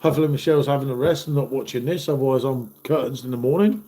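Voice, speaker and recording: Talking fast in a warm, medium-pitched voice, this fifty-something streamer chats matily with his audience, addressing them as "mate" despite a blocked-up cold.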